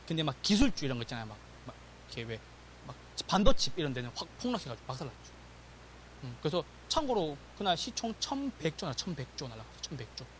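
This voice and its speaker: Brief: middle-aged man, exam-prep lecturer, bright voice, faint tape hiss. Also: a little high, fast. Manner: animated, checks in with "맞죠?" and "됐죠?", acts out quotes. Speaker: real estate exam lecturer. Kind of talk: classroom lecture.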